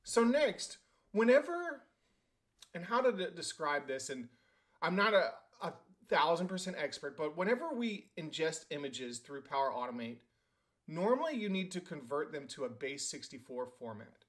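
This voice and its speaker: A man walks through a software setup on screen, speaking casually as he goes. His voice sits a bit high for a man. He thinks out loud, with fillers and quick restarts. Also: sing-song. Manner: casual, thinks aloud with fillers and self-corrections. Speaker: tech tutorial host. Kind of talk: screen-recorded software tutorial.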